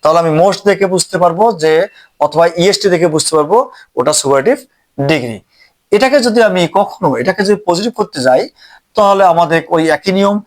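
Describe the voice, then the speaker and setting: A man teaching an English grammar lesson, speaking slowly and repeating each word as he writes it out. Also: high voice, animated. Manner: slow, repeats each word while writing it out.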